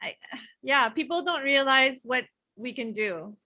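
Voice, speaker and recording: A woman hosting a casual podcast interview, eager and quick to laugh. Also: high voice, expressive, pushed and bright, dry recording. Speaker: podcast host.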